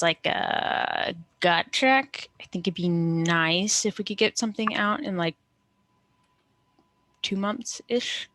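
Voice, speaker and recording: A woman's voice: on the low side, a bit bright, no echo. A woman talking casually as a team member in a work meeting.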